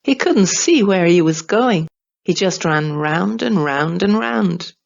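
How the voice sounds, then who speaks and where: A woman reading a children's storybook aloud, slow, clear and expressive. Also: fairly low pitch, muffled recording.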